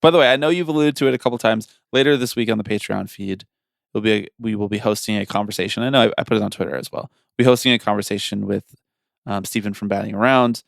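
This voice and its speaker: A man co-hosting a podcast in casual, joking chat. His voice is low and gravelly with plenty of fry, and he laughs easily. The sound is dry and close. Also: fairly even intonation, quick pace, no room sound. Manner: joking, laughs often, trails off mid-sentence. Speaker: podcast co-host.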